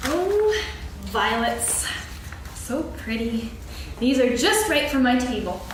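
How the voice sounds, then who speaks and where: A woman playing a small, timid, sweet piglet in a staged reading, gentle and anxious. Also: fairly high pitch, sing-song, slow pace. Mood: wistful, cheerful. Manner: timid, gentle, exclaiming softly. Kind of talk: staged dramatic reading for children's story. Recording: echoey stage, distant mic, faint noise.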